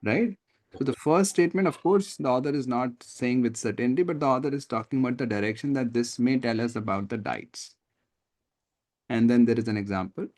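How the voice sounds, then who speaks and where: Over a video call, a man with an Indian English accent runs an online test prep class in a brisk, medium-pitched voice. Lively and inquisitive, he keeps checking that everyone is following along.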